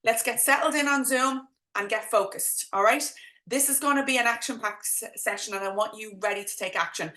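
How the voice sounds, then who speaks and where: A woman's voice: on the high side, fairly quick, bright, forceful tone, roomy sound. A woman with a thick Dublin accent presenting an informal live online workshop as a coach, chatting directly and encouragingly to her viewers.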